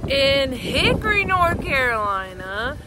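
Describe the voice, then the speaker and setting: A woman's voice: high voice, big pitch swings, slow pace, heavy background noise. A woman in her thirties co-hosting a casual brewery review outdoors, listing things with enthusiasm. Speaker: co-host. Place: outdoors by a parking lot.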